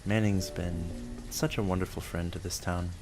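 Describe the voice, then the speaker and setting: A man rambling softly and sleepily, musing gently and without hurry in short phrases as he hosts. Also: deep voice, fairly even intonation, moderate pace, music in the background. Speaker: host of a relaxed rambling show. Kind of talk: soft sleepy rambling, narrating a town-building game.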